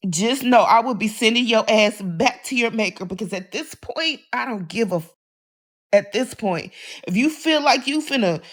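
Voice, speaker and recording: A woman ranting defiantly to camera, swearing often and making threats. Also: fairly high pitch. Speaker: social media poster. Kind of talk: angry rant to camera.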